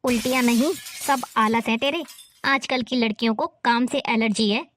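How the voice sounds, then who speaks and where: Scornful nagging mother-in-law, a woman acting, scolding tone, fairly high voice. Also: fairly even intonation, moderate pace, a bit bright, a little hiss or hum, natural voice. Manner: scolding, taunting. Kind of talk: family drama acting.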